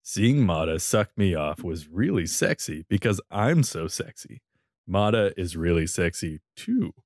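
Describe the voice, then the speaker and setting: A man voicing a cocky young man who coaxes and flatters with slow, self-assured lines. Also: low voice, gravelly, no room sound, studio quality, exaggerated voice. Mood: smug.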